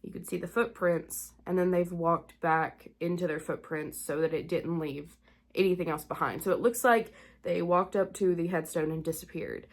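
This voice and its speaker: She's a young spooky-vlog host with a lowish voice and a moderate pace, chatting casually to camera. Illness has left her congested, nasal, and somewhat short of breath, and her rambling talk is packed with "like" fillers.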